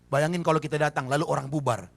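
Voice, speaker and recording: A man's voice: on the high side, steady tone, quick pace, creaky. A man preaching a sermon, emphatic and firing rhetorical questions at the congregation. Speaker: pastor. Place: church service.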